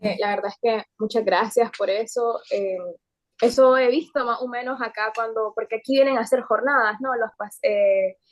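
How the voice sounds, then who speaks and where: A woman's voice: a little high, steady tone, normal speed. A woman with a Nicaraguan accent asking a guest questions, polite and hesitant, with many fillers and restarts. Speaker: audience participant asking questions. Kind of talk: casual interview questions.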